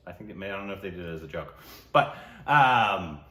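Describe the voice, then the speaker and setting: A man co-hosting a reaction video, talking in a halting, hesitant way with many restarts. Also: sits low, lively intonation, pushed and bright. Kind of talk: casual reaction chat. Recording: roomy, dull lo-fi sound.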